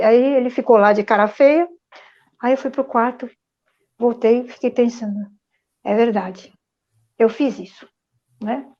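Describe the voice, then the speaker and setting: A woman's voice: a little high, dark tone. Earnest middle-aged woman on a muffled call. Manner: earnest, reflective, frequent tag questions. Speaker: speaker sharing a testimony. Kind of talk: personal storytelling in an online meeting. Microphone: video call. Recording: muffled lo-fi video call audio.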